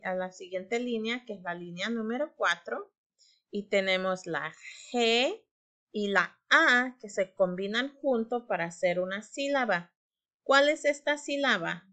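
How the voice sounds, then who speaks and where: A woman teaching a reading lesson, sounding out syllables slowly and clearly and having the class repeat after her. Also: fairly high pitch, pushed and bright. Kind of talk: slow phonics reading lesson.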